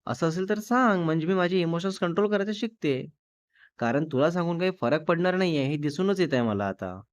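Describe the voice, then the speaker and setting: A man's voice: on the high side, expressive, no echo, pitched above the performer's own voice, lightly acted. A man voicing a fiery, demanding young woman who scolds her fiancé. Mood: annoyed. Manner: scolding, quick to anger.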